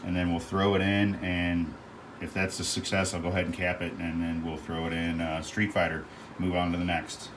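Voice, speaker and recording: A man giving a casual hands-on repair walkthrough as host, halting and thinking aloud as he works. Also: low-pitched, monotone. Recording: noisy fan hum over the voice. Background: whirring fan noise.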